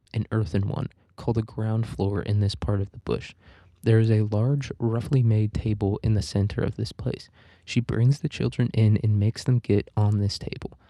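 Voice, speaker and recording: A man's voice: lowish voice, warm tone, no room sound. A man hosting a podcast, reading a story aloud and breaking off for irreverent, swearing commentary. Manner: irreverent, swearing, laughing asides. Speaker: podcast host.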